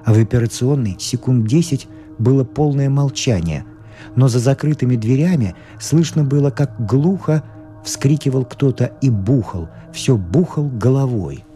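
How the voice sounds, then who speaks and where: Mellow-voiced male storyteller. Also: medium pitch, soft background music. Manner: measured, expressive first-person storytelling. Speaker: narrator. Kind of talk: literary audiobook reading.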